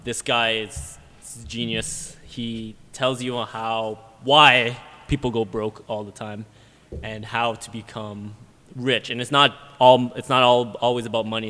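A man's voice: on the low side, a bit bright. A man talking earnestly in a casual podcast chat. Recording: long reverb.

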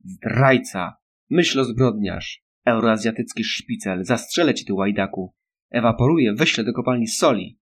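A man voicing a fierce young boy and his little sister, yelling accusations in a loud voice. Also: on the low side, normal speed.

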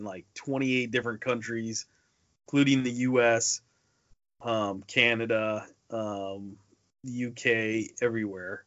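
Medium in pitch and fairly bright in tone, this co-host of a casual movie podcast speaks with emphasis, returning to the same points to drive them home. There's no echo on the dull, lo-fi recording.

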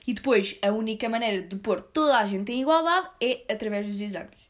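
A woman's voice: a little high, fairly quick. A woman with a European Portuguese accent, ranting casually and bluntly to her viewers in a slangy, rambling way with sudden emphatic outbursts. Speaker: vlogger.

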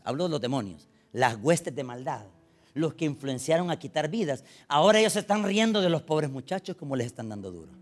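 A man preaching a sermon, swinging between loud urgent lines and low confiding storytelling. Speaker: pastor.

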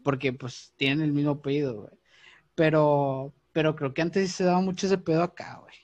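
A man talks in casual, slangy chat with a northern Mexican accent from Monterrey. His voice sits a little higher than average, and he swears freely. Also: fairly even intonation, a little fast, darkish tone, dull audio. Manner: slangy, profane banter.

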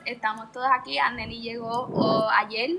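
A woman's voice: fairly high pitch, flat delivery, normal speed, gravelly, loud music behind the voice. A woman with a Puerto Rican accent hosting a casual group podcast, informal and teasing as she steers the conversation. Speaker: podcast host.

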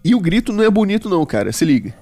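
A man's voice: sits high, sing-song, racing, over loud music. A man with a Brazilian accent hosting a casual educational show, chatty and playful with slang. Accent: Brazilian Portuguese. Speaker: podcast host explaining animals.

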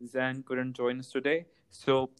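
A man's voice: medium pitch, monotone, a little slow, smooth, no room sound, clean studio sound. A man with a Pakistani accent hosting a casual podcast, switching between English and Hindi-Urdu mid-sentence. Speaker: podcast host.

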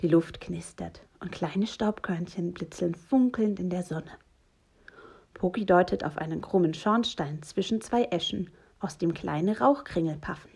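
A woman reading a children's bedtime story aloud, soft and gentle, often hushed. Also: fairly low pitch, unhurried, creaky, slightly rough. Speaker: reader.

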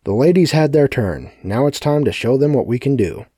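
A man doing a loud menacing ringleader. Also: medium pitch, animated, fairly quick, husky, no room sound, studio quality, pitched above the performer's own voice. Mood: commanding. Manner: loud, theatrical, projecting. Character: commanding menacing male ringleader.

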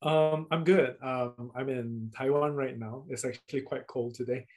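A man with a Singaporean accent answering interview questions casually, often pausing and rephrasing mid-sentence in a hesitant way. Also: medium pitch, fairly even intonation. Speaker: guest, writer and researcher.

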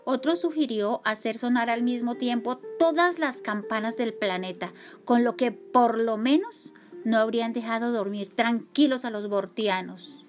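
A woman from reading a children's story aloud in an expressive, lively way. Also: on the high side, unhurried, soft background music.

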